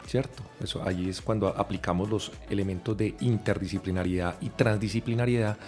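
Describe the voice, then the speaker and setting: A man's voice: on the low side, fairly even intonation, fairly quick, darkish tone, faint music behind. A man, a psychologist and lecturer, explaining at length as a podcast guest, with frequent hesitations. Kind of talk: radio podcast interview.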